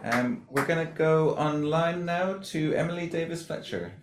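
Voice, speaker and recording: A man's voice: a little high, moderate pace. A man hosting an open mic in a loose, jokey way. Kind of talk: casual event hosting. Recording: echoey room with loud noise.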